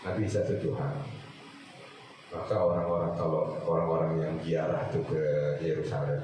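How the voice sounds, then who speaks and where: A man's voice: rumbling low, little pitch movement, normal speed. Man preaching in an echoey hall. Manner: conversational, mixes Arabic recitation with Jakarta slang. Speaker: religious teacher. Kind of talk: evening study sermon. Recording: very echoey, distant, noisy hall recording.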